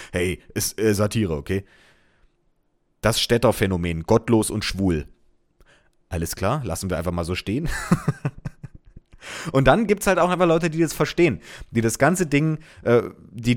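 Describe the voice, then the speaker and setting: A man reading out reactions to his post with sarcastic, deadpan asides in casual commentary. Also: lowish voice, a little slow, long pauses. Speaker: social media commentator.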